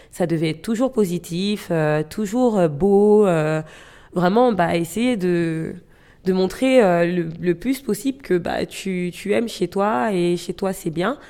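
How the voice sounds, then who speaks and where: A woman's voice: on the low side, dark tone. Hesitant young woman from Gabon. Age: 20s. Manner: hesitant, frequent fillers and restarts. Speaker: interviewee. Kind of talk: reflective personal storytelling.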